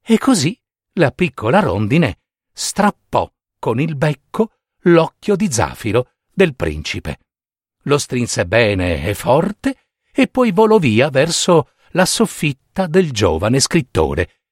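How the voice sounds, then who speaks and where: A man narrating a fairy tale in an expressive, unhurried storybook style. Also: medium pitch, husky, dry recording, clean studio sound.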